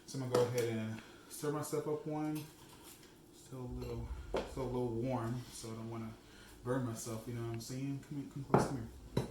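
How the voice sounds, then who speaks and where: A young man hosting a casual home cooking vlog, chatty and excitable, saying "like" constantly while he bakes in his kitchen. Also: medium pitch, a little fast, very noisy. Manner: chatty and excitable, heavy use of "like". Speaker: food blogger host. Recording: echoey room.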